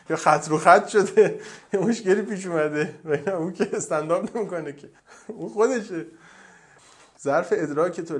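A man giving a religious lecture, telling stories and often dropping to a soft, low voice. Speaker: cleric.

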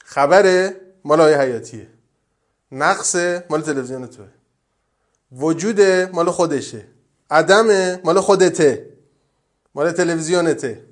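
A man giving a religious lecture, telling stories and often dropping to a soft, low voice. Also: long pauses. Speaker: cleric.

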